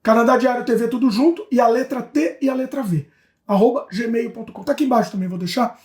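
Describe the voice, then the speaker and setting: A woman from Brazil co-hosts a relaxed talk show, reading viewer comments and adding quick asides. Her voice sits a little high, and the room gives it a noticeable echo. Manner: lively, reads comments aloud, chatty asides. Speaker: co-host. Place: home in Canada. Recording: roomy echo.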